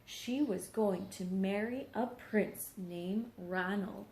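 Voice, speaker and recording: Slow-paced woman reading to young children. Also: medium pitch, creaky, darkish tone, a little hiss or hum. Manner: simple explanations, checks in with young listeners. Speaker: teacher reading to young pupils. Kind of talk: read-aloud storytelling with questions to children. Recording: roomy, echoing home recording.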